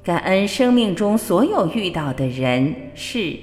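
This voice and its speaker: A woman radio host giving a measured, expressive spiritual reading with storytelling. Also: mid-range voice. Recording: long reverb with faint background music. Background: faint music.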